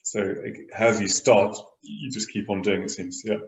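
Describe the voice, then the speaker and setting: A man's voice: lowish voice, fairly even intonation, moderate pace. A middle-aged man hosting a casual chat, talking loosely with lots of fillers. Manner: chatty, many "you know" fillers. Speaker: host. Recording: roomy echo.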